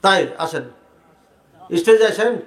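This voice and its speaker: A man preaching to a crowd, animated and rhetorical, asking the audience questions directly. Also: high voice, measured pace. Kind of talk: sermon debating prayer practice. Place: large hall with audience. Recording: echoey hall sound.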